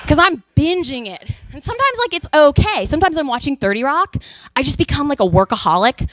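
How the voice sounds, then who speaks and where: A young woman from Texas doing a stand-up comedy routine, telling animated stories and slipping into character voices. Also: high voice, fairly quick, slight background noise.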